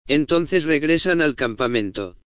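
Middle-aged male pastor, smooth voice, folksy sermon storytelling, slightly dull recording. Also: a little high, lively intonation, measured pace, no room sound. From United States. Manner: folksy storytelling, conversational asides.

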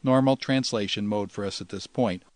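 A New Testament Greek teacher gives an instructional grammar lecture, explaining step by step in a didactic, lightly folksy manner. His voice is fairly low and his pace moderate, in a dry recording.

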